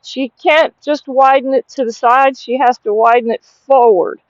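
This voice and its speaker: A woman's voice: sits high, fairly even intonation, moderate pace, no room sound, lo-fi sound. A woman giving hands-on horse training instruction, explaining as she goes and breaking off for short commands and praise to the animal. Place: horse barn aisle, later an outdoor riding ring.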